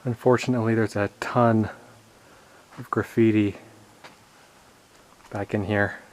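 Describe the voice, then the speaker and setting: A man's voice: lowish voice, little pitch movement, measured pace. A man vlogging casually inside a huge rock cave, his voice echoing off the walls, with a plain-spoken, offhand manner. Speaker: hiking vlogger. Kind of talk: casual vlog narration.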